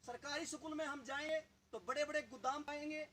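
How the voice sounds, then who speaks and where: A man's voice: very high voice, fairly even intonation, fairly quick, a bit bright. A man giving a political speech to a village gathering, asking the audience rhetorical questions. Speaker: local party leader.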